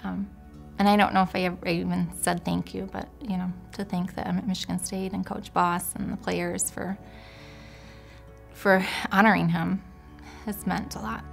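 A woman speaking softly and with emotion in an interview, her words trailing off. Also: on the low side, flat delivery, normal speed, vocal fry, faint music behind. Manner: soft-spoken, emotional, trailing off. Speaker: widow. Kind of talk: interview testimony.

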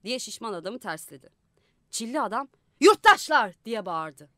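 A woman reading a literary short story aloud in a radio studio, acting out the characters with changes of pitch and loudness. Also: expressive, moderate pace, no room sound. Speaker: audiobook narrator. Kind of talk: scripted literary narration.

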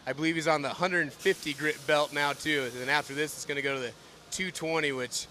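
A man who manages a factory, explaining the production steps in a steady, knowledgeable way. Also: a little high, a little fast, a little hiss or hum. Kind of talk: technical explanation.

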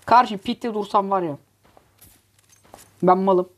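A woman giving excitable, joking gameplay commentary as host of her gaming channel, teasing and cursing at rival players. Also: mid-range voice, a little slow.

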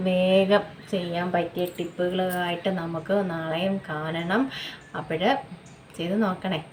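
A woman's voice: mid-range voice, a little mellow, rough recording. Woman vlogger, talky and repetitive, mid-range voice, casual at-home beauty tips with faint room noise behind. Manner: chatty, repetitive, often adds tag questions to viewers. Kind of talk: casual home tutorial chat.

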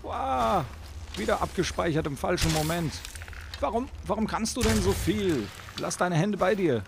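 A man giving casual gameplay commentary as a let's play host, talking excitedly to the enemies on screen. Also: sits high, moderate pace, vocal fry, background noise.

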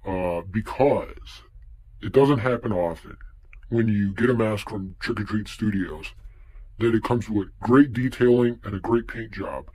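Young guy talking thru a face mask, lowish mellow voice, laid back and rambly. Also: measured pace, low-quality recording. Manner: relaxed, rambling, frequent uh fillers. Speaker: mask collector reviewing a mask. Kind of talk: casual product review vlog.

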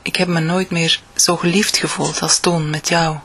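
A woman reading the lines of a teasing adult woman lover in a soft, half-whispered voice. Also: fairly low pitch, flat delivery, normal speed, breathy edge.

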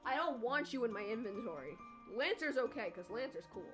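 A woman's voice: fairly high pitch, animated, brisk, over music, close to an everyday voice. A woman voicing a brash, sarcastic teenage monster girl in a video game, blunt and slangy. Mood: grumbling.

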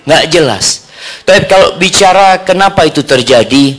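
A middle-aged man giving an Islamic sermon in a lively manner, throwing questions to the congregation. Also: fairly high pitch, normal speed. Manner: lively, asks the audience questions. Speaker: preacher.

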